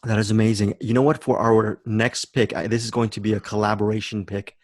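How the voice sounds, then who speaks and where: A man's voice: lowish voice, little pitch movement, a little fast, no echo. Chatty male film podcast host. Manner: enthusiastic, repeats words while searching for phrasing. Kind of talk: casual podcast chat about movies.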